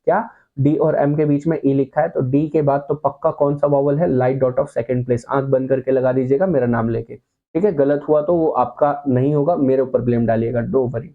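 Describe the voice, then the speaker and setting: A man's voice: medium pitch, fairly even intonation, moderate pace, phone-quality sound. Patient man teaching a class online. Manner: patient, checks in with students often; casual and reassuring, mixes in English words. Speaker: shorthand teacher. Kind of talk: online lesson walking through words on a board.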